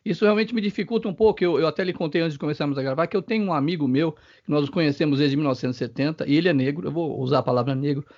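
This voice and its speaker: A man's voice: on the high side, racing, few pauses, darkish tone. An older man hosting an interview, asking rambling, hesitant questions full of restarts. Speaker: interview host. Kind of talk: casual interview conversation. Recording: slightly dull, lo-fi recording.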